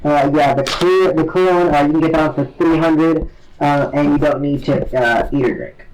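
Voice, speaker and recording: A man running a tabletop game as game master, talking in a halting way full of fillers and restarts. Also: on the high side, fairly even intonation, darkish tone, low-quality recording.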